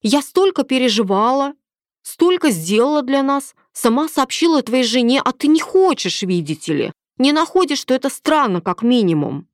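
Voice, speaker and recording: A scheming young mistress of thirty, put on by a woman reading a story, pushing her demands in a raised, insistent voice. The pitch sits noticeably higher than the reader's own, and the sound is dry and close. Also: big pitch swings, moderate pace, no room sound. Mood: indignant.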